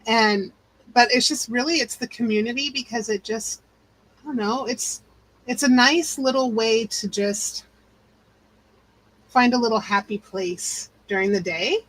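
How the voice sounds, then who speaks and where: A middle-aged woman hosting a casual live stream chat, animated and chatty. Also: fairly high pitch, measured pace, rough recording. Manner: animated, chatty, says y'all. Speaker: channel host.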